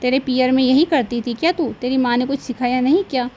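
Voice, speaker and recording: A woman's voice: high-pitched, fairly quick, a little mellow, highs cut off, slight background noise, close to an everyday voice. A woman voicing a bossy, demanding middle-aged mother-in-law in a cartoon, with a nagging, scolding manner.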